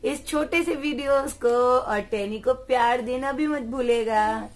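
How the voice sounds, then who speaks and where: Casting: young mother vlogger, high bright voice, casual chat with coaxing sing-song baby talk. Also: unhurried. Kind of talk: casual vlog talk to camera with her toddler.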